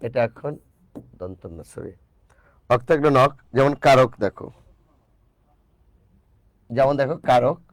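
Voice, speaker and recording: A man's voice: mid-range voice, animated, slow, long pauses, no echo. Male grammar teacher, patient and repetitive, speaks straight to the student, dry close sound. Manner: repeats each rule, addresses the student directly; corrects himself mid-sentence. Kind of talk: explaining grammar rules.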